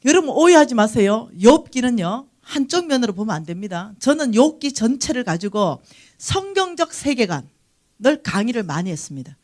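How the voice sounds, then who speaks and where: A woman preaching at a seminar, acting out the dialogue in her story with lively energy. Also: a little high, moderate pace. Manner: animated, acts out dialogue. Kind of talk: seminar sermon. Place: seminar hall.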